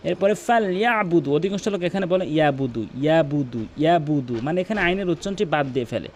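A man with a high voice teaches Quran pronunciation step by step. He repeats words slowly, contrasting the wrong way with the right one, and breaks into drawn-out melodic recitation for his demonstrations. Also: a little hiss or hum. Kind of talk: tajweed lesson with demonstrations.

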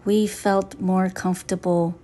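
Slow, chatty woman vlogging a cave walk. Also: fairly low pitch, flat delivery, mellow, a little hiss or hum. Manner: chatty, hesitant, with many ums and small laughs. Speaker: travel vlogger. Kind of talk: casual travel vlog narration. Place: outdoors in a rainforest and inside a lava cave.

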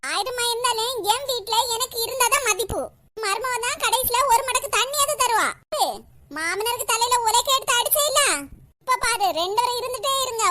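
A woman's voice: very high-pitched, very noisy. A woman voicing a scheming older village mother-in-law in a cartoon, scolding bluntly with a Kanyakumari Tamil accent. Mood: angry scolding. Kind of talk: cartoon voice acting.

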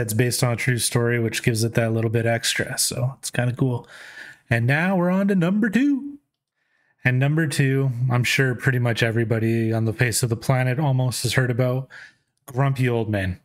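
Upbeat man chatting about movies. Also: medium pitch. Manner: upbeat, rambling, recommends films. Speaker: movie list host. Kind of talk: casual video commentary. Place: small room at a desk in a gaming chair. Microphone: headset.

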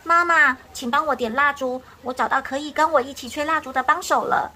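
Woman reading to a child as an earnest high-pitched little boy. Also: steady tone, a little fast, pushed and bright. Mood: eager.

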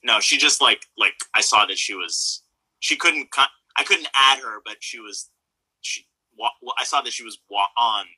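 A man's voice: mid-range voice, moderate pace, pushed and bright, husky, poor audio. Easygoing man hosting a video chat. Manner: easygoing, enthusiastic, laughs along. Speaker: live stream host. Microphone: video call.

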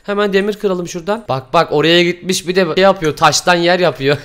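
A man hosting a gaming video, commenting excitedly and pleading dramatically as he plays. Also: high-pitched, brisk, clear, resonant tone.

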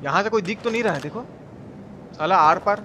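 With a voice that sits high, this man talks fairly quickly and expressively. He's an Indian video game streamer with a Bihari Hindi accent, chatting with viewers in a casual, teasing, foul-mouthed way over clearly noisy game sound.

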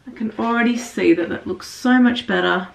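A woman with a slightly high, creaky voice chats at normal speed, giving casual how-to narration while she styles a wig. She's far from the mic in a small echoey bathroom, and there's a little hiss or hum.

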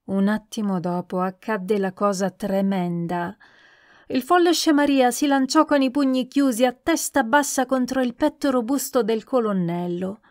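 A woman narrating a novel in a measured, expressive audiobook reading. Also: on the high side, no room sound, studio quality. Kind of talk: scripted narration.

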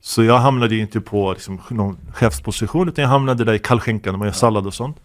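A man in his fifties, a guest imam, telling lively stories with laughter and Arabic phrases sprinkled in. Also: fairly low pitch. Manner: animated anecdotes with laughter, Arabic phrases mixed in. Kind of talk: podcast interview storytelling.

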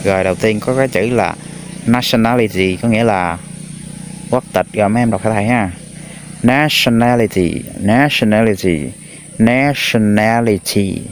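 A man teaching an English lesson to children, repeating each new word slowly three times for the class to echo. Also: fairly low pitch, slight background noise. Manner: drills words slowly in threes for pupils to repeat.

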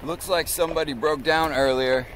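A man's voice: fairly high pitch, fairly even intonation, normal speed, noisy background. Easygoing man vlogging on a farm. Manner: easygoing, chatty, thinking aloud with fillers. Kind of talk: casual vlog narration. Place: outdoors on a farm.

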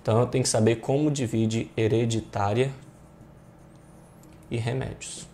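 A man's voice: medium pitch, fairly even intonation, moderate pace, warm tone, slight background noise. A Brazilian Portuguese-speaking male teacher explaining grammar exercises in an online exam-prep class, often checking in with rhetorical questions.

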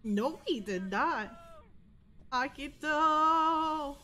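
A woman streamer chatting playfully during a game, teasing her partner and calling out his name in drawn-out tones. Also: sits high, animated, sharp tone. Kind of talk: casual gaming chat.

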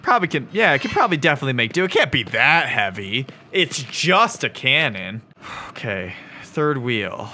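A man's voice: mid-range voice, sing-song, normal speed, sharp tone. Swearing, self-mocking gaming man. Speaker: gaming video host. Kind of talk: let's play commentary.

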